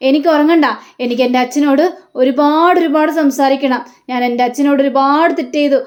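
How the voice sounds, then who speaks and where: A woman's voice: high voice, fairly even intonation, fairly quick, close to an everyday voice. A woman voicing a drunk, heartbroken young man who pleads with his father and cries for his mother. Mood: pleading. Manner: pleading, repetitive.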